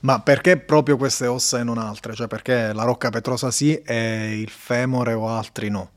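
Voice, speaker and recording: A man's voice: medium pitch, steady tone, moderate pace. A man hosting an interview, asking polite, structured questions. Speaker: host, interviewer.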